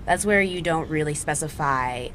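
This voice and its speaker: A teenage young man with a boyish, cracking voice, talking candidly and haltingly about himself as a talk show guest. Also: a little high, a bit bright, slight background noise. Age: teens. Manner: halting, informal, self-deprecating.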